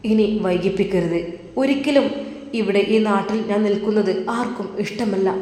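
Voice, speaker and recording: A woman voicing a young male madrasa teacher, speaking in a soft, earnest, resigned way with a Malabar Malayalam accent. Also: medium pitch, normal speed, lightly acted. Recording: very echoey room with long reverb.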